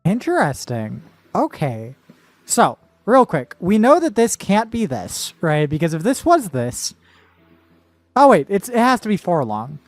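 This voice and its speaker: A woman's voice: fairly low pitch, huge pitch swings, measured pace, a little mellow, dry recording, faint music behind. A woman streaming a puzzle game, talking playfully through her moves and swearing casually. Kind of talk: casual live gameplay commentary.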